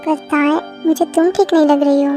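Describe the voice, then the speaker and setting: A caring older father from a homemade fan dub, voiced by a woman. He speaks gently and with concern, in a very high voice. It sounds like an amateur reading. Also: fairly even intonation, a little fast, soft background music, natural voice.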